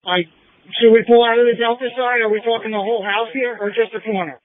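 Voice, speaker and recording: A man's voice: very high-pitched, steady tone, quick pace, no room sound. A man supervising a fire crew, reporting in fireground traffic over a two-way radio. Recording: tinny narrow-band fire radio.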